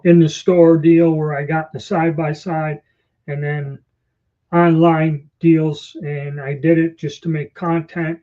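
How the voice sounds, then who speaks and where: A livestream host with a warm, fairly high male voice rambles casually as he answers viewers, his words slightly hampered by new false teeth. He's broadcasting from a small indoor storeroom or office, and the audio comes through dull and lo-fi.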